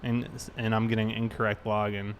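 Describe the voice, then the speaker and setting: This live streamer, playing a police roleplay game, talks casually and welcomes viewers warmly, though his delivery is completely flat. His voice is on the low side and brisk, and the high frequencies are cut off. The recording has clearly audible background noise.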